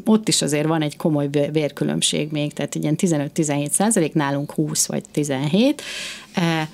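A woman hosting a casual discussion, talking passionately and emphatically in quick bursts, a mother of two. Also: low voice, vocal fry, a little mellow.

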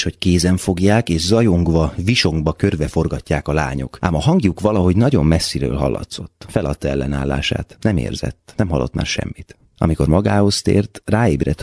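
A man reading a literary short story aloud for radio in a measured, steady way. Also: very deep voice, breathy edge, no room sound, studio quality. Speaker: reader.

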